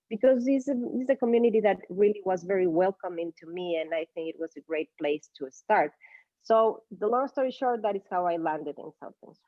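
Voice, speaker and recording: A woman's voice: on the low side, dark tone, no room sound, lo-fi sound. A middle-aged woman from Ecuador, a native Spanish speaker, telling her career story as an interview guest in an easygoing way with some non-native grammar. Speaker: guest, marketing business owner.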